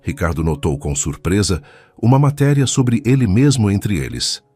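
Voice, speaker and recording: A man narrating a scripted dramatic story in a measured way. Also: on the low side, sing-song, mellow, breathy edge, no echo, faint music behind.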